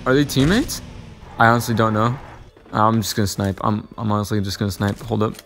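A young man casually commentating his own mobile game, muttering to himself with sudden excited yelps and growing frustration. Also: fairly low pitch, fairly quick, noisy background. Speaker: gaming channel host.

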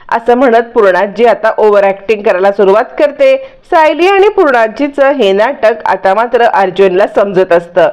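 A woman narrating a spoken recap of a TV serial, telling it briskly with fillers. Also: fairly high pitch, a little mellow. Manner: fast storytelling with fillers. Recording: dull lo-fi recording.

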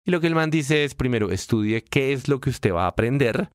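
A man co-hosting a casual podcast, explaining ideas with emphatic rises in pitch. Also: fairly quick, clear, resonant tone, no room sound, clean studio sound. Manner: explanatory, animated pitch jumps when stressing points. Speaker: podcast co-host.

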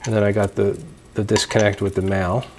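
Young male host, lowish voice, laid-back show-and-tell, lapel mic, faint hiss. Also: fairly quick. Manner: relaxed, explanatory, frequent fillers and restarts. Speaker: homebrewing video host. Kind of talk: casual show-and-tell demonstration. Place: small dim room at home, indoors.

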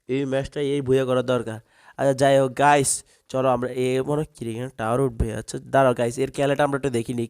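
A man with a hoarse, strained throat, commentating his own gameplay and yelping excitedly during fights. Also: mid-range voice. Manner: excitable, yelps sharply in fights and grumbles at other players. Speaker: gaming channel host.

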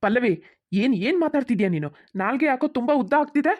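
A woman voicing a grown son and husband in a cartoon, who questions firmly and quickly. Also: a little high, expressive, no echo, muffled recording.

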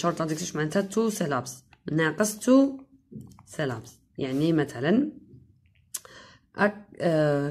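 A woman with an Algerian Arabic accent teaching an exam revision lesson, explaining grammar rules and reading English examples slowly. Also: sits low, a little mellow, slight background noise.

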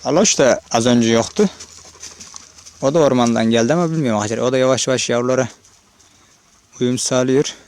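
This Turkish shepherd's medium-pitched, darkish voice moves a little fast but pauses often as he talks casually to camera on an open hillside. Filming handheld or body-worn, he chats with viewers and calls out to his flock.

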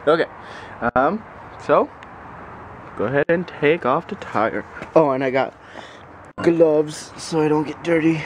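A man's voice: on the high side, measured pace, long pauses, slight background noise. A man chatting casually in a daily vlog, rambling and amused at himself. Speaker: vlogger.

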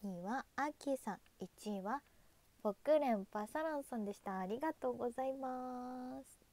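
In a high, mellow voice at normal speed, this idol livestreamer chats on her stream. The young woman reads viewers' names aloud to thank them, then waves and wishes everyone goodnight.

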